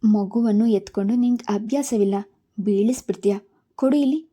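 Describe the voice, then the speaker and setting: A woman's voice: medium pitch, fairly even intonation, measured pace, warm tone, natural voice. A woman voicing a caring older mother-in-law who soothes and coaxes in a story reading. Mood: scolding. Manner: soothing, coaxing.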